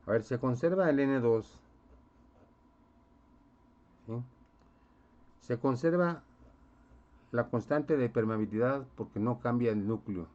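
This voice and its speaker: A man's voice: mid-range voice, takes it slowly, pauses often, darkish tone. A man lecturing on physics to a class, often checking in with students and quizzing them. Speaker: physics teacher. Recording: dull lo-fi recording.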